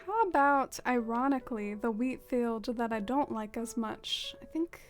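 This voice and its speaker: A young woman from the American South, with a Southern accent, chats casually and self-deprecatingly while live-streaming a game. Her voice is on the high side and measured in pace, with soft background music underneath.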